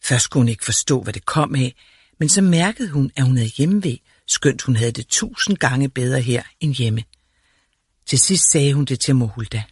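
A man narrating a fairy tale in a calm, measured storytelling manner. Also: mid-range voice, husky, no echo, clean studio sound.

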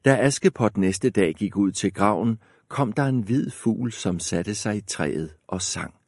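A man reads a fairy tale aloud in a calm, measured way with a lowish voice. The recording is dry and close, with no room sound. His telling is steady and even. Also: breathy edge, no room sound. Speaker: narrator.

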